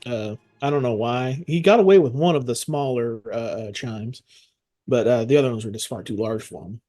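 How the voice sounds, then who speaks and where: A man playing a tabletop role-playing game, describing and role-playing casually in a halting, thinking-aloud way. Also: medium pitch, dark tone, no echo, studio quality.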